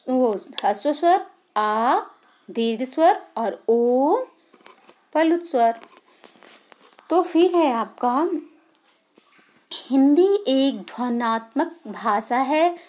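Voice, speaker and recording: Slow, high-voiced Indian woman teacher. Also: darkish tone. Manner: asks questions and answers them herself, repeats key terms. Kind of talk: online grammar lesson for children.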